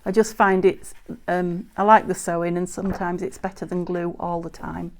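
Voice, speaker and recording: Hosting a casual crafting tutorial from an indoor craft table, this UK woman talks in a fairly low, slightly croaky voice with flat delivery at a moderate pace. She's chatty and rambling, correcting herself with lots of ums. The overhead camera frames just her hands on the table.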